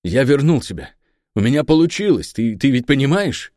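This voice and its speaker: A man's voice: mid-range voice, sing-song, normal speed, a little mellow, dry recording, clean studio sound, pitched above the performer's own voice, lightly acted. A man reading an audiobook voices a guilt-ridden, obsessive man who pleads emotionally. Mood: elated. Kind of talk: audiobook character voice.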